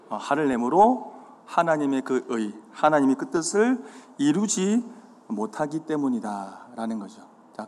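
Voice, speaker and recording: A man preaching a sermon, quizzing his congregation with questions and acting out the signs of anger. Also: on the high side. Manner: animated, acts out anger. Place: church sanctuary. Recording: hall reverb.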